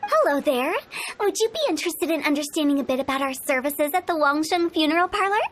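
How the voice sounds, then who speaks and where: Cheeky morbid young funeral director. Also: female voice, high voice, lively intonation, fast, soft background music. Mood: teasing. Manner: playful, teasing, breezy. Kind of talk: game cutscene voice acting. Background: game score.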